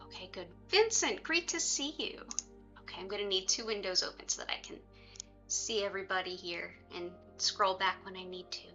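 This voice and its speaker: Talking to her livestream viewers at a moderate pace, this reiki practitioner keeps things conversational, sprinkling in chatty asides. Her voice is bright, forward and medium in pitch, while the sound comes through a bit muffled and lo-fi over background music.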